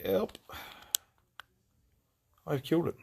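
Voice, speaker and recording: A man's voice: fairly high pitch, takes it slowly, creaky, warm tone, slight background noise. A man with an Australian accent hosting a casual live stream from his shop, greeting viewers by name and rambling through new stock with fillers and jokes.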